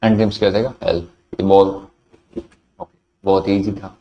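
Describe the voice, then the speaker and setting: A man's voice: low voice, steady tone, moderate pace, highs cut off. A man with a Hindi accent teaching English vocabulary in a classroom lecture, repeating each word and answering his own questions.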